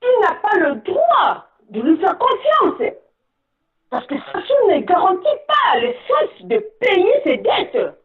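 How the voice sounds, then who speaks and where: A woman from the Republic of the Congo calling in to a radio show, speaking with indignation, often pausing on fillers and rising to near-shouting. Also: very high voice, wildly swooping pitch, roomy sound. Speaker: caller. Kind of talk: impassioned call-in commentary. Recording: tinny distant phone line.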